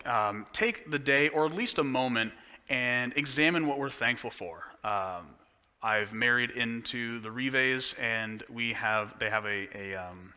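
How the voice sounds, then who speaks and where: A man's voice: mid-range voice, bright, forceful tone. A young man giving a casual, chatty sermon as a pastor, with fillers and restarts. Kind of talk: church sermon. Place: church sanctuary. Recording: echoey church hall.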